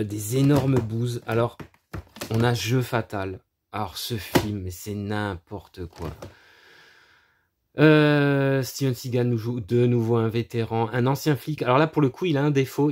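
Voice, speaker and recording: A man chatting casually about his film collection, crude and profane, mocking with frequent laughs. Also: medium pitch. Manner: laughs often, animated asides. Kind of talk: casual chat.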